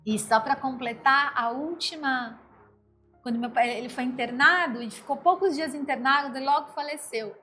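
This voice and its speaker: A woman with a Brazilian Portuguese accent, speaking as an interview guest and giving a tender, reflective personal testimony with halting pauses. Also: high voice, sharp tone, faint music behind.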